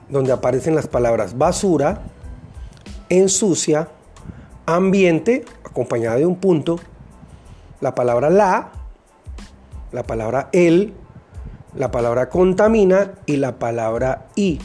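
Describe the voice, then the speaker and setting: A teacher gives a recorded lesson for children, speaking in a patient, deliberate way and spelling out each step. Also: medium pitch, dark tone.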